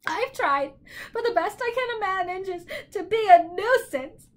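A woman's voice: very high-pitched, lively intonation, unhurried, voice pushed up. A woman voicing a malicious, haughty, unkempt male bird in a storybook, shrieking and cackling as he talks. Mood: mock sad.

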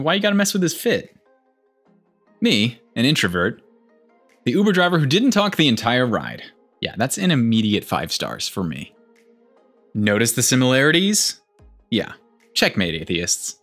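A man reads out meme captions and drops dry, deadpan remarks after each one. His pitch bounces around animatedly from line to line. Faint music plays quietly under his voice. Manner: wry, deadpan asides between read captions. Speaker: meme video narrator. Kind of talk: reading and commenting on memes.

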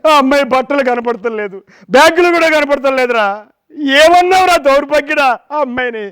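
A man's voice: very high-pitched, brisk, fairly bright tone. An actor playing a worried older village father who scolds his son, speaking in an urgent, calling voice. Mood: alarmed.

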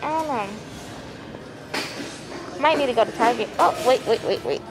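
A woman's voice: a little high, expressive, normal speed, over music, poor audio. A woman vlogger chatting casually to her viewers through a face mask while shopping in a store. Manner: chatty, addresses viewers as y'all. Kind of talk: casual vlog chat. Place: inside a large store.

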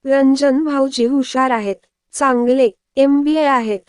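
A woman's voice: high voice, steady tone, slow, a little mellow, no echo, studio quality. A woman voicing a playful, chatty young daughter-in-law.

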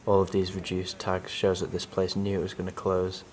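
Low flat-voiced man exploring an empty mall. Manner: low-key, thinking aloud with pauses. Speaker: urban explorer. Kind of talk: casual on-site commentary. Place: large empty abandoned shopping centre indoors. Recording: steady background noise.

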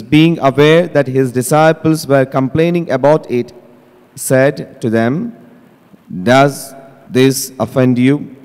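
Indian priest with cathedral echo. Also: male voice, a little high, a little mellow. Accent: Indian English. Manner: slow, measured, deliberate delivery. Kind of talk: liturgical gospel reading and homily. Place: large church. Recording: long echoing church reverb.

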